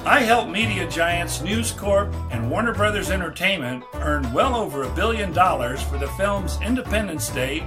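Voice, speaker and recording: A man delivering an earnest, aggrieved monologue in a clip played on a podcast. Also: sits high. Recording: music behind the voice.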